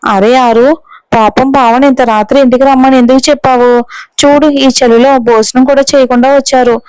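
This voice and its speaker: A woman voicing a naive, teasing young man in a storybook reading, in her own clear voice. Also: high-pitched, fairly even intonation, moderate pace, darkish tone, dry recording, close to an everyday voice, poor audio.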